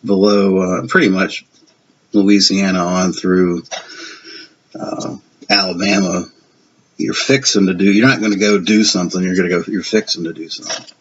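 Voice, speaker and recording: A man's voice: sits low, little pitch movement, moderate pace, husky. A man in his fifties or sixties with a Southern US accent, chatting casually and rambling a little as he shows off his film collection. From Virginia, USA. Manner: chatty, rambling, self-deprecating. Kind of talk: casual show-and-tell vlog. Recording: dull lo-fi sound with faint hiss.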